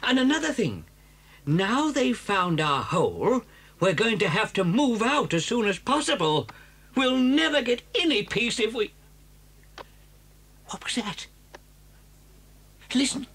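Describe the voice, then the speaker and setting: A man's voice: very high voice, sing-song, unhurried, pauses often, a bit bright, husky, full character voice. An actor playing an anxious, self-pitying father fox in a children's audio drama, fretful and melodramatic. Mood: anxious, urgent.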